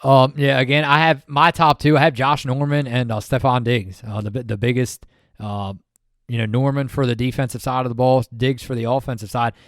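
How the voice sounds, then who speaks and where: A man co-hosting a podcast in casual sports chat, talking in an animated, rambling way with many fillers and restarts. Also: mid-range voice, a little fast, no echo, studio quality. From Maryland, USA. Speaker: podcast co-host.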